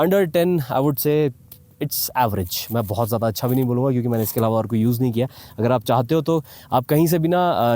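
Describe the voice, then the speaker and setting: An Indian motovlogger, speaking at medium pitch with a mellow tone, walks his viewers through a casual review, dropping English phrases into his talk. The recording, made outdoors in a mountain valley, carries plenty of ambient noise.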